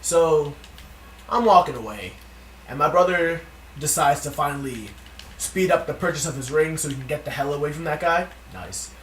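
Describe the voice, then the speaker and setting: A man's voice: on the high side, expressive, normal speed, slight background noise. A man telling a story in a casual, profane, ranting vlog. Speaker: vlogger. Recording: echoey room from a distance.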